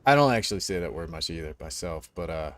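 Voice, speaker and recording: Laid-back low-voiced young gaming streamer. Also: male voice, lively intonation, fast, fairly bright tone. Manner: laid-back, rambling, peppered with dude and man. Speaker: game streamer. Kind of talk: casual gaming chat and storytelling.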